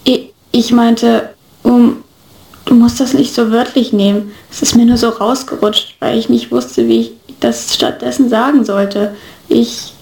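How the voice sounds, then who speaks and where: A grumpy young man with a short fuse, snapping back one moment and stammering the next, as a woman puts him on. The voice sits fairly high and mellow. It rings in an echoey room. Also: steady tone, normal speed, close to an everyday voice. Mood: flustered. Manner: snappish and flustered. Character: grumpy, prickly young man who narrates the story.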